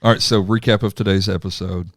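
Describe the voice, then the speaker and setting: A man, a pastor hosting a casual podcast chat with halting restarts and easy laughs. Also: sits low, steady tone, no room sound, clean studio sound.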